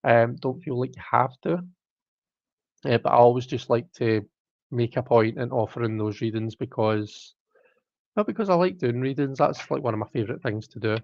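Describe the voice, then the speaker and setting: A man's voice: medium pitch, fairly even intonation, moderate pace, vocal fry, darkish tone, dry recording. A man chats loosely and jokes at his own expense while hosting a live tarot stream. His voice sits mid-range and sounds dry and close, with a dull, lo-fi stream quality. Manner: chatty, self-mocking, reads out viewer comments. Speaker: tarot reader and livestream host. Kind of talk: casual live-stream chat.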